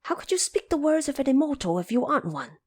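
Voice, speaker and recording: Audio drama monkey king played by a woman: eager, cheeky, pitched up high, wildly swooping, firing insistent questions. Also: sing-song, fast talker, a little mellow. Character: eager, cheeky young-sounding male Monkey King seeking immortality.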